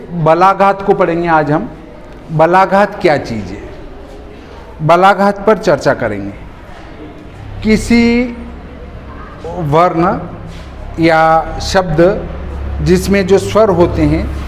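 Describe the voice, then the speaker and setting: Male teacher, high-pitched, very slow and deliberate, repeats key terms; recorded in an echoey hall. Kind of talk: slow classroom grammar lesson. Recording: hall reverb with faint noise.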